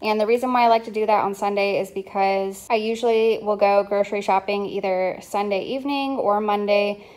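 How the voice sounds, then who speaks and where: A woman in her thirties talks through her haul in a casual, chatty way, filling pauses with ums and likes. Her voice sits at an ordinary middle pitch. She sounds relaxed and easygoing, recorded at home. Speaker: vlogger. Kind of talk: casual grocery haul chat. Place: home kitchen.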